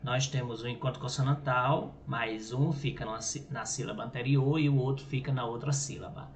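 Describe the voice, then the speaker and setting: Speaking at a normal speed with fairly even intonation and a medium pitch, a Brazilian man walks through a grammar lesson one step at a time. He has a Brazilian Portuguese accent and keeps asking "right?" and "ok?" to check in. The recording has an echoey room and faint noise.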